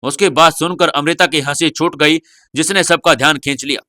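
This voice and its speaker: Bright-voiced male story narrator. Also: a little high, normal speed, no room sound, clean studio sound. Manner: steady storytelling. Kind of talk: scripted audio-novel narration.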